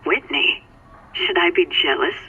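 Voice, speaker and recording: A woman's voice: fairly low pitch, sing-song, unhurried, pushed and bright, husky, full character voice. A woman playing a sly, flirtatious cat burglar in a video game, teasing and sultry through a phone filter. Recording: thin, band-limited phone call sound.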